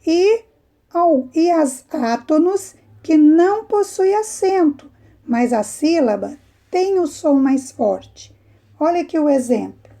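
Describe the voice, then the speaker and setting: A woman's voice: high-pitched, animated, takes it slowly, warm tone. A woman, a primary school teacher giving a remote lesson to young children, explaining patiently with rising prompts.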